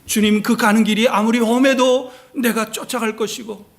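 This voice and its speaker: A man's voice: very high-pitched, steady tone, normal speed. A man voicing a devoted male disciple who pleads his loyalty. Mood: pleading.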